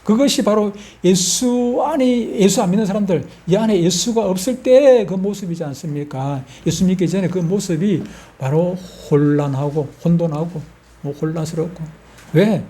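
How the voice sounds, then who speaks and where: Older Gyeongsang pastor, folksy preacher who quizzes his flock; mellow, dark tone. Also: a little high, normal speed. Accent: Gyeongsang Korean. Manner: folksy, asks the congregation questions. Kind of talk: sermon.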